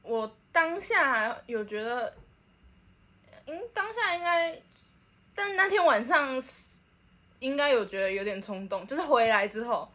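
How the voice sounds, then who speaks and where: A woman's voice: on the high side, animated, measured pace, pauses often, pushed and bright. A young woman with a Taiwanese Mandarin accent, co-hosting a podcast in casual chat, laughing a lot and repeating herself when she's teased. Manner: giggly, self-deflecting, repeats herself. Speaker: podcast co-host.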